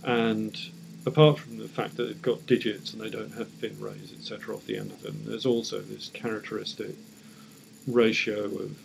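A man speaking as an academic expert in an interview, explaining off the cuff in measured, hesitant short phrases. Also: on the low side, level tone, gravelly, a little hiss or hum, rough recording. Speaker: academic paleontologist, interview guest.

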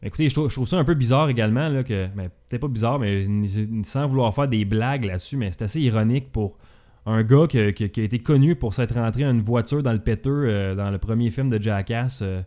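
A man's voice: mid-range voice, fairly quick, mellow. A man with a Québécois accent hosting a casual talk show, hesitant and full of filler sounds. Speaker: podcast host. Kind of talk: casual chat.

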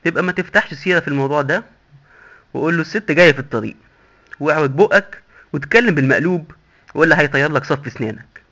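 A man's voice: on the high side, lively intonation, fast talker, pauses often, pushed and bright, full character voice. A man doing a glib, mocking doctor from hell. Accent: Egyptian Arabic. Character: boastful sly male doctor in hell, cheerfully murderous. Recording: dull lo-fi recording.

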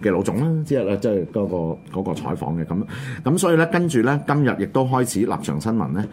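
A man with a Hong Kong Cantonese accent, hosting an online radio show and chatting casually about current events in a subdued, halting way. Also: lowish voice, big pitch swings, a little mellow, a little hiss or hum. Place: studio.

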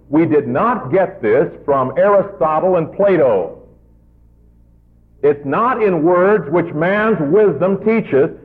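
A man preaching a sermon, teaching slowly and emphatically and drawing out his stressed words. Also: on the high side. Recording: tinny phone-like old recording.

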